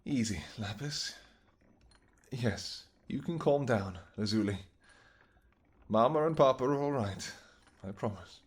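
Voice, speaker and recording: Voicing a tender, protective vampire king in a roleplay audio drama, a man sounds tender and remorseful. His medium-pitched voice is expressive and husky, and his formal, earnest lines come out haltingly.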